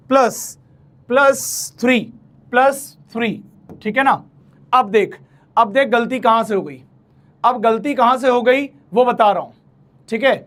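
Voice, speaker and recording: This physics teacher's voice sits at an extremely high pitch with a touch of brightness. Giving an online exam-prep lecture, he coaxes his students in a familiar way and keeps circling back to key phrases.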